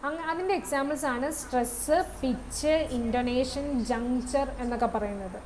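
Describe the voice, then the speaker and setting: A woman's voice: high-pitched, moderate pace, darkish tone, a little hiss or hum, rough recording. A woman giving an online English lesson. She mixes English terms into her explanations and checks in with her students. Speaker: English teacher. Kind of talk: online class lecture.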